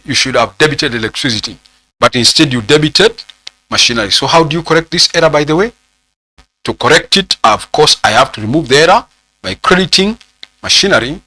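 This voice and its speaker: A man with a Kenyan accent teaching an accounting lesson, asking the class questions and repeating phrases slowly so students can write them down. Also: medium pitch, sharp tone, poor audio. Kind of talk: classroom lecture with dictated notes.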